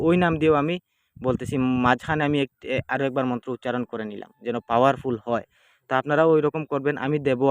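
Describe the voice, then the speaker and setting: A man, calmly explaining a folk ritual to his viewers in plain, repetitive casual speech. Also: mid-range voice. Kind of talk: casual spoken demonstration. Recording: clearly noisy home video.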